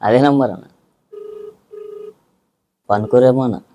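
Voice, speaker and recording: A man's voice: mid-range voice, unhurried, dark tone, muffled recording. A young man, giving short, subdued, mumbled answers as an interview guest. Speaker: interview guest, reel maker.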